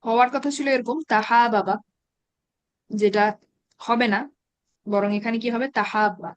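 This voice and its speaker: A woman teaching an Arabic grammar class in an online meeting, reciting verb conjugations slowly and explaining in quick asides. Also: on the high side, steady tone, dull audio, a little hiss or hum. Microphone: online meeting call.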